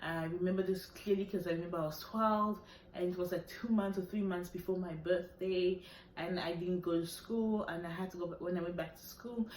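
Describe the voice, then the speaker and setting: Young woman vlogger, earnest and halting with fillers; faint noise and room echo behind her. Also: on the low side, steady tone, darkish tone. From South Africa. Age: 20s. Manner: earnest, hesitant with many fillers. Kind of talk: personal talk to camera.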